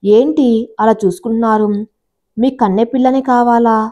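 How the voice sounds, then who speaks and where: A woman's voice: fairly high pitch, normal speed, mellow, natural voice. Woman voicing a coy teasing young woman.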